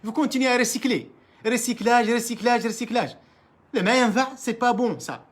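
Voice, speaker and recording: Speaking at a moderate pace in a very high-pitched, husky voice, a political commentator from Mauritania holds forth in French. An Arabic speaker, he gives a passionate, emphatic monologue on politics, repeating himself, frequently restarting words and calling out leaders directly.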